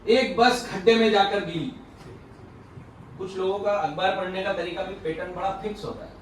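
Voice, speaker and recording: A man's voice: high voice, fairly even intonation, normal speed, a little hiss or hum. A man giving a joking motivational talk to an audience at a youth leadership session and teasing the listeners with questions. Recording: roomy echoey hall from far off.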